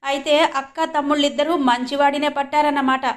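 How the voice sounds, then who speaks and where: A scornful, sharp-tongued young woman, as a storyteller puts her on spits out her taunts in a bright, high register. Every line comes out louder and higher than the plain narration around it. It reads as a storybook character acted with open contempt. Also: steady tone, fairly quick, natural voice. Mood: mocking. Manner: mocking, scornful.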